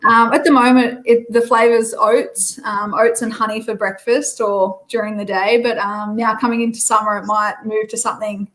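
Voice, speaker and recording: A woman's voice: a little high, moderate pace, few pauses, rough recording. A woman in her thirties from Queensland with an Australian accent, chatting easily as a podcast guest with lots of ums. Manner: relaxed, many fillers. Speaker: guest, former rugby player. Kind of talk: podcast interview.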